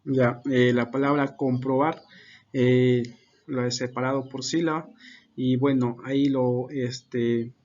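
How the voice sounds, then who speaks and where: A man's voice: mid-range voice, flat delivery, slow pace, darkish tone, dull audio. A man giving an unscripted class presentation, hesitant, with many fillers and self-corrections. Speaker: student presenter.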